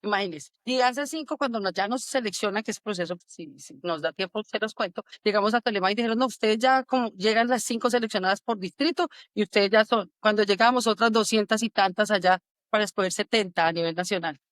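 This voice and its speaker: A middle-aged Colombian woman from Quindío with a Colombian accent, an army sergeant major telling lively anecdotes as a guest in a casual interview. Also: medium pitch, fast, dry recording, clean studio sound. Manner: animated, acts out quotes, sings la la.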